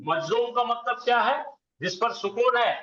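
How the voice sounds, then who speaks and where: A man with a high voice teaches a grammar class, firing questions at his students and waiting for them to answer back. He runs through verb forms in sing-song lists. The lecture was captured on a dull, lo-fi recording in a roomy classroom. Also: normal speed, pushed and bright. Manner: drills students with call-and-response questions; chants verb conjugations in rhythmic lists.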